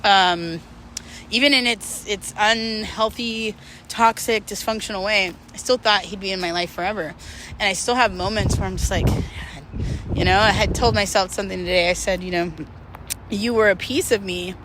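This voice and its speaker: This vlogger speaks at a medium pitch and moderate pace, with fairly even intonation and a fairly bright tone. The poor audio carries a little hiss or hum as she rambles candidly to camera, mocking herself and cursing freely in a confessional chat.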